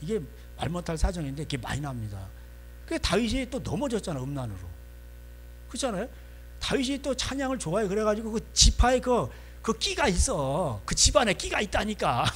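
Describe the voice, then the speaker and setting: A male pastor preaching a sermon in a church, folksy and animated, constantly prompting the congregation. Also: high-pitched, a little fast, a little hiss or hum.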